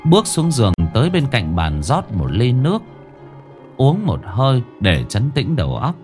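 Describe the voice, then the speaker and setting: A man reading a scripted ghost story as narrator, with expressive storytelling. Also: mid-range voice, normal speed. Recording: faint music behind.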